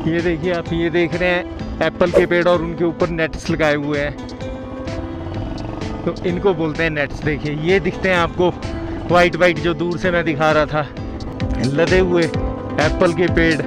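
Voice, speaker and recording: An Indian travel vlogger narrates casually and enthusiastically from outdoors on mountain roads and in orchards, addressing viewers directly and mixing English words into his speech. His voice is a little high with a flat delivery, a moderate pace and long pauses. Music plays in the background.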